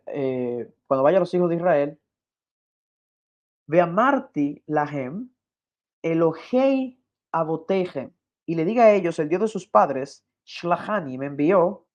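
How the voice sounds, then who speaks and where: A man's voice: on the high side, a little mellow, muffled recording. A man explaining ancient Hebrew text in an interview, teaching step by step and often checking in with the listeners. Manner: patient, repeats himself, checks in with "¿ok?". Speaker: guest explaining biblical Hebrew. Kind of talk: teaching over a shared screen.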